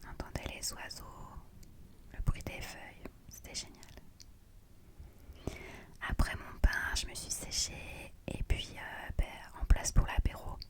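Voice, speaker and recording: A woman narrating an ASMR vlog in a quiet, hushed night-time whisper, close to the microphone. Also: unhurried. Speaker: vlogger narrating her trip.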